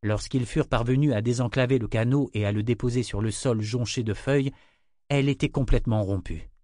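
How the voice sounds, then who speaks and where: A male audiobook narrator reading in an even, measured way. His voice sits at a middle pitch, and the recording is dry and close with no room sound. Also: no room sound. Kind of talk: scripted narration.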